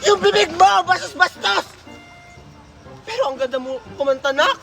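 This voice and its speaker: A woman playing a loud, bossy gift-giving aunt. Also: very high-pitched, animated, normal speed, creaky, music in the background, heavily acted. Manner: loud, scolding, shouty. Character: bossy scolding older woman handing out gifts. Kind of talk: comedy skit acting.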